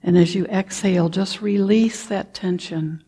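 A woman leading a guided meditation, talking softly and calmly, with frequent throat clearing. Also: medium pitch. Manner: slow, soft-spoken and calm, with frequent throat clearing. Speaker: meditation teacher.

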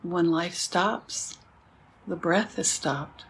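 A woman leading a guided meditation as a teacher, speaking calmly and gently with unhurried pauses. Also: fairly low pitch, gravelly, slight background noise, rough recording.

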